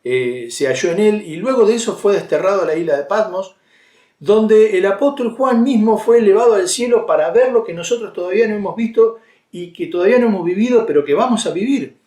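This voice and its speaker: High-voiced Argentine preacher, echoey room. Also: male voice, lively intonation, fairly quick, warm tone. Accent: Argentine Spanish. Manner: conversational, with frequent fillers and restarts. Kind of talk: sermon.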